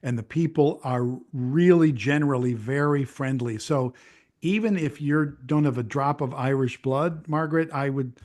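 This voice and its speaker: An older American man, a veteran news broadcaster, chatting as an interview guest, who talks in halting bursts with repeated words and restarts. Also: medium pitch, a little mellow. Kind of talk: casual conversational interview.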